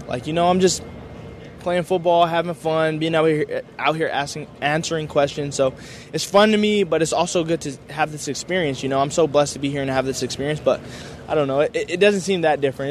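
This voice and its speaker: Excited young man, upbeat and grateful. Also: fairly high pitch, a little hiss or hum. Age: young adult. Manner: enthusiastic, grateful, casual with filler words. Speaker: college football player. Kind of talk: media day interview.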